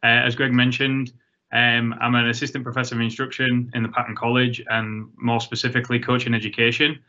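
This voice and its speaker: A man's voice: mid-range voice, monotone, brisk, pushed and bright. A man from England, introducing himself as a professor on a panel over a video call, with a few hesitant fillers. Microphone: video call webcam. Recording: muffled video-call audio.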